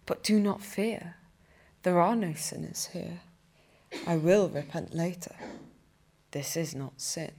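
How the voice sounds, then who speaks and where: A young woman, a poet, reading her own poems aloud in a cathedral with slow, measured delivery. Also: fairly low pitch, a little mellow. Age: young adult. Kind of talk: poetry reading.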